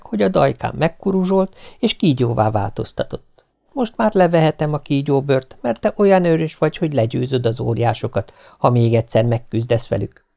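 A man's voice: fairly high pitch, vocal fry, mellow, voice pushed up. A man reading a folk tale, voicing a young princess freed from a snake skin in a raised, lilting voice.

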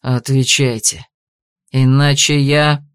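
A woman's voice: deep voice, normal speed, no echo, clean studio sound, voice pushed down, lightly acted. Woman doing a growling stern male investigator. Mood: stern menacing. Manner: growling, commanding.

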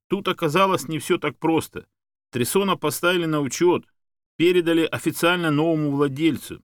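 A man voicing a brisk, good-humoured middle-aged man who speaks in an upbeat, reassuring way. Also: on the high side, no echo, studio quality, pitched above the performer's own voice, lightly acted. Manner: upbeat and reassuring, a bit raised.

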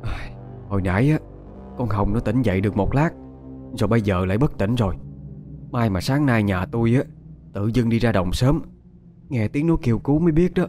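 A man's voice: on the low side, expressive, fairly quick, pauses often, mellow, soft background music, natural voice. A man voicing a village woman who hurriedly explains what happened in a raised, chatty voice. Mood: anxious. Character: talkative village woman, anxious gossip.

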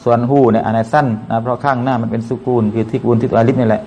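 Man teaching recitation, flat delivery. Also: mid-range voice, slight background noise. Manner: patient, repeats sounds slowly to demonstrate. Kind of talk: tajweed lesson with slow chanted recitation.

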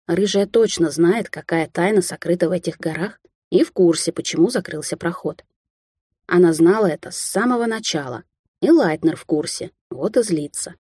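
A woman reading a first-person story aloud in an even, measured audiobook style, close to the mic. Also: lowish voice, husky, no room sound. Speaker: audiobook narrator.

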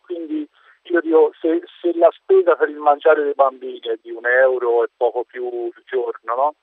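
A man from Prato calling in to a radio show, indignant and halting, often restarting his words. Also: mid-range voice, dry recording. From Prato, Italy. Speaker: caller. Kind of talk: radio call-in opinion. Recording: tinny phone line.

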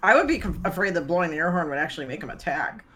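A woman's voice: fairly low pitch, expressive, very fast, a bit bright. A middle-aged woman co-hosting a podcast, chatting in a wry, casual way and laughing easily. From Florida. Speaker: podcast co-host, psychotherapist. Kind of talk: casual chat.

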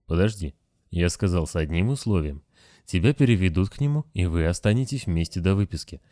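A man voicing a tired, kindly older male caretaker who talks gently and patiently. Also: deep voice, expressive, brisk, no room sound, studio quality. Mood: weary, gentle.

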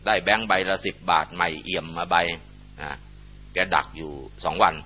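A man telling a temple legend in a relaxed way, with frequent fillers, on a muffled lo-fi recording. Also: low-pitched, moderate pace. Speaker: storyteller. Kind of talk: storytelling narration.

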